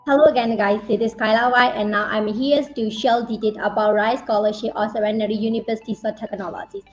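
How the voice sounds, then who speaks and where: A woman's voice: fairly high pitch, fairly even intonation, fast, faint music behind. A young woman with a Burmese accent, a student speaker presenting at an online open house over lo-fi audio. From Myanmar. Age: young adult.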